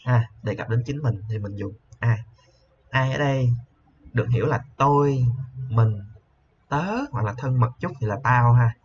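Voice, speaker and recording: A man explaining a beginner English lesson. He has a medium-pitched voice and a patient, repetitive way of teaching, going over each word several times. The recording is a little dull and lo-fi, with a faint hiss underneath. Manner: patient, repeats each word slowly, frequent "ha" tags.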